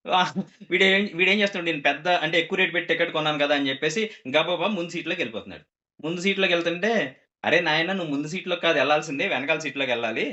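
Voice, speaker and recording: Man, comic storyteller, quick delivery, fairly high voice, acts out characters, lo-fi sound. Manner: animated, acts out characters' quoted lines.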